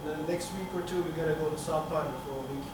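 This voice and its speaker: A Turkish man lectures at a technical conference in an echoey room with a projector screen, his voice a little high and his tone steady. He speaks in a halting way, filled with fillers and restarts. Recorded by a room camera at the back of the hall, he sounds far off amid room noise.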